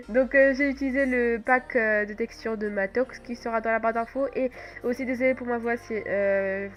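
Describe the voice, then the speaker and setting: Faint music plays behind a young woman with a stuffy nose from a cold as she casually comments on her gameplay for her gaming channel. Her voice is a little high, with fairly even intonation at normal speed, and the sound is lo-fi; she's chatty, laughs often and often teases herself.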